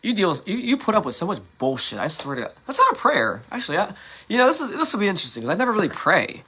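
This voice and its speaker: A man with a high, bright, forceful voice talks rapid-fire, his pitch swooping wildly, as he livestreams from his yard before dawn on a phone. His meandering monologue is candid and full of swearing and restarts, and his voice is slightly rough.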